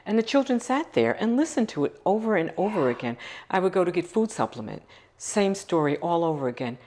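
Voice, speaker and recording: A woman's voice: fairly low pitch, very animated, a little fast, darkish tone. A middle-aged woman, a nonprofit founder, speaking earnestly and emphatically in a documentary interview.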